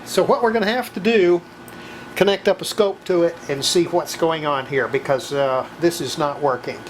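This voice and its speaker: An older radio restorer walks through their own hands-on repair in folksy, casual narration, muttering to themselves often, in a small, cluttered indoor electronics workshop. Their mid-range voice moves at normal speed. The recording is rough and echoey, with a little hiss or hum.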